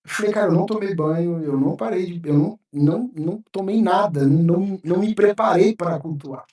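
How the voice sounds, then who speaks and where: A man's voice: high-pitched, fairly quick, dark tone. Pastor man telling his testimony, gets worked up, mic a bit far off in an echoey room. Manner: emotional, vivid storytelling, acting out his own past words. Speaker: pastor, podcast guest. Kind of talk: personal testimony in a podcast interview. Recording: roomy sound, mic at a distance.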